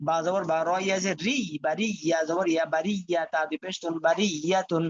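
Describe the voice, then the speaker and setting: A man teaching Quran reading, spelling out letters and vowel marks in a steady chant and then reading each whole word. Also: a little high, fast, no room sound. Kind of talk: spelling-out recitation lesson. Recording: dull dry lo-fi audio.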